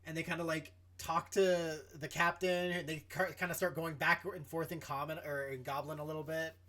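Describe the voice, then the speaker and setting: A man's voice: a little high, level tone, moderate pace, pushed and bright. A man running a tabletop game as game master, narrating in a casual, filler-heavy way.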